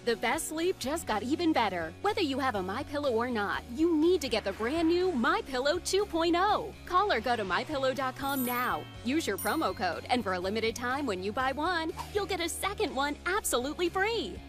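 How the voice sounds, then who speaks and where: A woman's voice: high voice, animated, normal speed, hardly any pauses, a bit bright. A woman reading a scripted ad voiceover, upbeat and promotional, over light music. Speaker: ad narrator.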